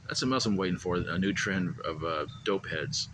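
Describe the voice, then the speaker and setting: Man, low voice, lively pitch, rambling, stammering, comedy podcast co-host, noisy recording. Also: brisk. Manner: rambling, stammering storyteller who laughs at his own jokes. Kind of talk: casual comedic podcast banter.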